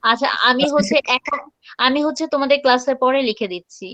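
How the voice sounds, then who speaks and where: In a live online class, a woman teaches English pronunciation, chatting casually and repeating words slowly so students can copy them. Her voice sits high and sounds a bit bright.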